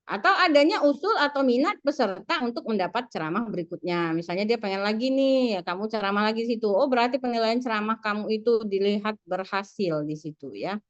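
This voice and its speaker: A woman's voice: mid-range voice, animated, fairly quick, hardly any pauses. A woman giving a classroom lecture to students, with rising and falling intonation, speaking to them directly. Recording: dull lo-fi.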